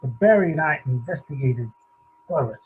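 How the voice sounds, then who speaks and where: A man's voice: on the high side, animated, fairly quick, slightly rough, phone-quality sound. An actor playing Howard, a crude, blustering middle-aged man, in a stage play reading. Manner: brash, loud, crude.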